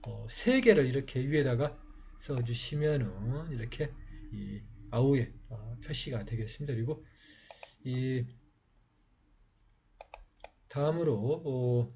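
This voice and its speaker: A man slowly explaining how to write letters in a lesson, pausing often with fillers. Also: mid-range voice, darkish tone, a little hiss or hum. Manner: slow, halting explanation with many fillers. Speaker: teacher. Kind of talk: calligraphy writing lesson. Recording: dull lo-fi recording.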